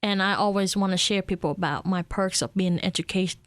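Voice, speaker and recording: A woman's voice: medium pitch, a little fast, dry recording. A young woman from Vietnam with a Vietnamese accent, whose first language is Vietnamese, chatting casually as an interview guest. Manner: chatty, relaxed storytelling with fillers.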